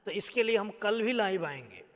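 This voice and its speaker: A male teacher on a live stream who chants verses in a sing-song way and explains between them in quick asides. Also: sits high, very animated. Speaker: stotra recitation teacher. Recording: long hall-like reverb.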